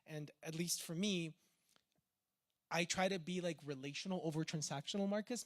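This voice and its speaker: A man's voice: fairly high pitch, no room sound. A young man from Peru with a Peruvian accent, speaking as a tech entrepreneur in a chatty, informal talk about his faith. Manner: chatty, informal, full of fillers.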